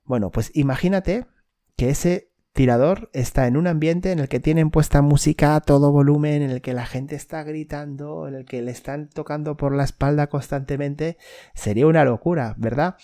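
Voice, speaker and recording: A man's voice: on the high side, moderate pace, dark tone. A man, a mental coach for athletes, giving a direct instructional talk to the listener and checking in with "okay?". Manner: direct, addresses listener, tags points with "okay?".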